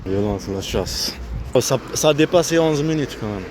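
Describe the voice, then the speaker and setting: In an animated mid-range voice at a moderate pace, a man wanders through an unscripted monologue, his phrases fragmented and often repeated. He is by a road with vehicles, and the street recording is noisy with traffic.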